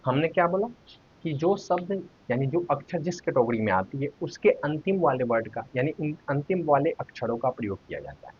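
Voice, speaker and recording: In this dull, lo-fi recording, a man teaches an online Hindi grammar lesson, sounding out letters one by one. He poses questions to his viewers and then answers them himself. His voice is slightly high, animated and fairly quick, with a darkish, slightly rough tone.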